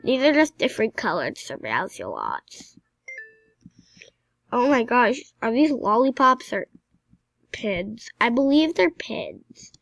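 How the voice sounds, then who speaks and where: Excitable high-voiced female gamer. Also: takes it slowly, creaky, long pauses, no room sound. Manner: excitable, chatty, drops to mumbled asides. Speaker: gameplay commentator. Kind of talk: casual game commentary.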